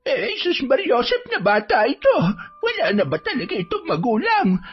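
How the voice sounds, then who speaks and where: A man doing a high, kindly old granny herb seller. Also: wildly swooping pitch, normal speed, slightly rough, exaggerated voice. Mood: fretful. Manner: fretful, muttering to herself. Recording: dull lo-fi with background music.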